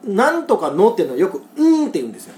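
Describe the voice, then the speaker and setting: A woman's voice: medium pitch, wildly swooping pitch, very fast, dark tone, a little hiss or hum. A woman from Kagoshima hosting a podcast, reading out listener poems and explaining local dialect words, laughing often. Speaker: podcast host. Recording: roomy echo.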